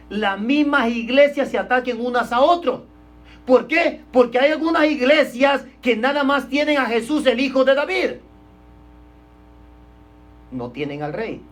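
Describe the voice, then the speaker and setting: Emphatic male pastor preaching a sermon. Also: very high-pitched. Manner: emphatic preaching, swinging between loud stresses and hushed drops; keeps addressing listeners as brother.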